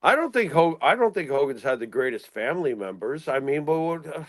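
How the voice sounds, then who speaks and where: A middle-aged man co-hosts a casual wrestling talk show, speaking in a fairly high, sing-song voice at a brisk clip. In this opinionated panel chat he's blunt and exasperated, swearing and throwing out rhetorical questions.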